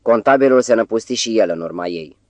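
A man reading a novel aloud as audiobook narrator, measured storytelling. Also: fairly low pitch, animated, a little mellow, dry recording. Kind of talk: scripted narration.

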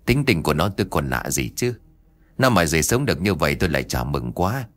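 A man's voice: very deep voice, big pitch swings, quick pace, a bit bright, no echo, exaggerated voice. A man voicing a worried middle-aged village mother in a spoken ghost story, pleading and tearful.

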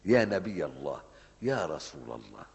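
Gravelly Egyptian preacher in a mosque hall. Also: male voice, low-pitched, fairly quick. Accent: Egyptian Arabic. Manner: animated, rhetorical questions answered himself, scolding. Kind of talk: Ramadan mosque lesson.

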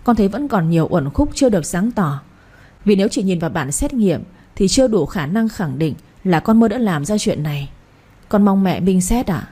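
A polite middle-aged son pleading reasonably with his elderly mother, voiced by a woman. The tone is mellow and breathy, measured and respectful, for an audio story. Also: medium pitch, animated. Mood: deferential. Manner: polite, deferential.

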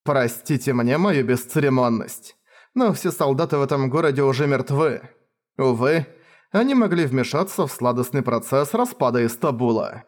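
A cold-blooded male sorcerer speaks slowly and calmly, savoring every word with mockery, as a man reads him in an audiobook. His pitch stays in the middle range. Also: natural voice. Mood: mocking. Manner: slow, calm, mocking. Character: cold murderous male sorcerer, smug and devilish.

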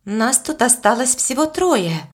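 A woman's voice: fairly high pitch, very animated, measured pace, pitched above the performer's own voice. A woman voicing a sensible, determined young girl who talks in a firm, practical way, reading an audiobook. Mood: thoughtful. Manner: firm, practical, reasoning aloud.

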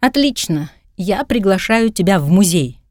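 A woman's voice: medium pitch, expressive, normal speed, darkish tone, no room sound, studio quality, lightly acted. A woman voicing a confident, playful young male New York cop in an audiobook. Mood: teasing. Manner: playful, self-assured.

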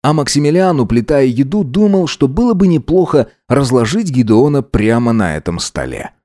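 A man's voice: medium pitch, sing-song, normal speed, dark tone, no room sound. Man narrating an audiobook, dry close sound.

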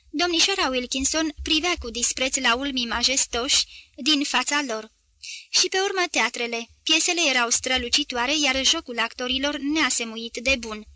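A woman narrating a literary novel as an audiobook, with a measured, even delivery. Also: high voice, no echo.

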